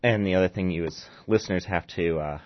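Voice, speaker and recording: A very deep-voiced man reads his own short story aloud, steady in the prose and halting with fillers when he chats. The recording is dull and lo-fi.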